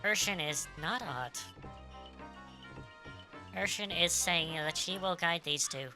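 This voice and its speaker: A woman voicing an odd young female guide in a flat, mechanical-sounding voice, talking about herself in the third person. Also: on the low side, slow pace, music in the background. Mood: flat, insistent. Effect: mechanical-sounding voice, not a full robot. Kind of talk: voicing characters while playing a story game.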